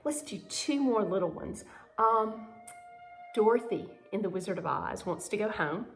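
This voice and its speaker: Speaking in a mid-range voice with lively intonation and at a normal pace, a woman runs a pantomime and ballet lesson on video. Her talk is dramatic and accompanied by demonstrations, recorded in an echoey room with music.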